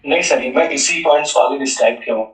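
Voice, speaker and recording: A man's voice: mid-range voice, rapid-fire, a bit bright. A man, a student, politely and eagerly asking the teacher to check his answer sheet. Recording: echoey remote audio from far.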